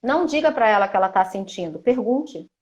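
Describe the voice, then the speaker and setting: Uma mulher brasileira, psicóloga, falando numa live com jeito de conversa, encenando diálogos entre mãe e filho. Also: female voice, medium pitch, lively intonation, a little fast, darkish tone. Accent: Brazilian Portuguese. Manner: chatty, acts out parent-child dialogues. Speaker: psychologist and mentor. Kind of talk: live-stream talk on emotions.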